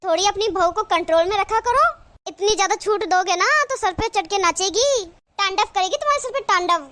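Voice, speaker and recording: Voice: very high-pitched, a little fast, pushed and bright. A voice actor playing a meddlesome, dramatic neighbor woman who gossips breathlessly in a cartoon. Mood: gossiping. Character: gossiping busybody neighbor woman, middle-aged. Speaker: cartoon character. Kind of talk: cartoon voice acting.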